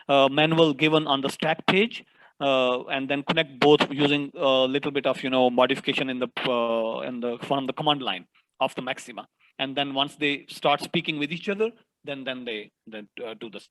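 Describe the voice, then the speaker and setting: A man's voice: on the high side, fairly bright tone, rough recording. A man presenting at an online workshop, eagerly explaining technical setup with frequent restarts. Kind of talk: answering technical questions.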